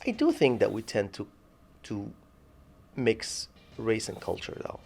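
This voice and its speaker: A man from Morocco co-hosting a podcast, talking in a thoughtful, halting way with many restarts. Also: fairly low pitch, big pitch swings, vocal fry, a little mellow, a little hiss or hum. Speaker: podcast co-host. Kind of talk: casual discussion.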